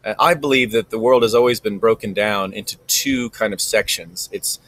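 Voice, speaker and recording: Alone in front of a camera, a male vlogger delivers a reflective monologue, thinking aloud casually with frequent ums. His voice is fairly low and a bit bright, at normal speed, and the audio is poor.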